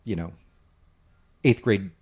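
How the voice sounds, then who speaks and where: A man talks in a relaxed, earnest way as a podcast guest. His voice sits a little low. He rambles, with lots of "um" and "you know" between his thoughts. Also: slow, husky. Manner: earnest, rambling with many fillers. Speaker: guest, nonprofit founder. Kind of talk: casual conversation.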